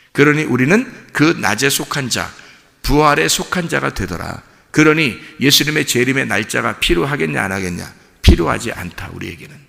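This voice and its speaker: A man's voice: mid-range voice, gravelly, bright, forceful tone. A male pastor preaching a sermon, often checking in with the congregation through rhetorical questions. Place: church sanctuary. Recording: long church hall reverb.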